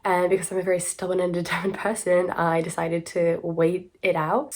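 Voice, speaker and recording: Hoarse young woman with a smoker-like rasp. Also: on the low side, a little mellow. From South Africa. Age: 20s. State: hoarse from a throat virus. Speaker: student vlogger. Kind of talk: casual talk to camera.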